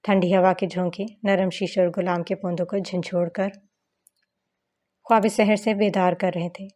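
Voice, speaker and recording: A woman's voice: lowish voice, level tone, normal speed, a little mellow. Woman narrating a romance novel. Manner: flowing, dramatic, with occasional stumbles.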